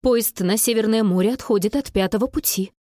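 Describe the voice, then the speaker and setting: A woman voicing a careful, worrying mother in a children's story, in a measured tone. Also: medium pitch, warm tone, dry recording, clean studio sound, natural voice. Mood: firm. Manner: measured, mildly worried.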